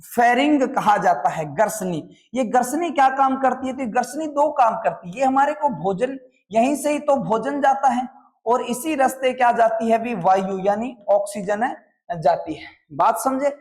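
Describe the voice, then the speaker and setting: A man's voice: very high-pitched, lively intonation, moderate pace. A man with a Rajasthani accent teaching a classroom biology lesson, often quizzing his students and drilling terms by repetition. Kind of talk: classroom lecture.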